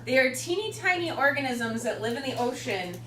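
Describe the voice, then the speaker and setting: High-voiced Chicago woman teaching a class. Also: expressive, fairly quick, bright, forceful tone. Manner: chatty, joking, many fillers. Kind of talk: classroom lecture. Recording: roomy classroom from far off with noise.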